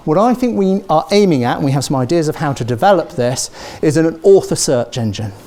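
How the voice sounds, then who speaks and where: A little high and a little fast, this middle-aged man from Britain gives a lively university lecture in British English. He keeps asking his audience "okay?" and "yeah?", and a lapel mic records him in a large lecture theatre.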